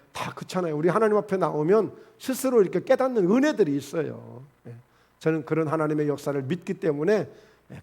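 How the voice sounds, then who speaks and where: High-voiced pastor asking the congregation questions. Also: male voice. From South Korea. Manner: conversational preaching with rhetorical questions to the congregation; swings between loud emphatic lines and soft low asides. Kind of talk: sermon. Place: church sanctuary.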